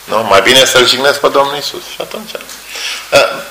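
Male preacher, sermon, animated storyteller, roomy echo, church hall. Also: medium pitch. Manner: animated storytelling, acts out voices.

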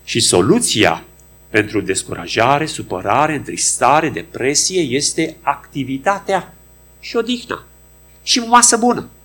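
A man's voice: medium pitch, sing-song, a bit bright, slight background noise. A man preaching a sermon, acting out quoted dialogue in shifting voices.

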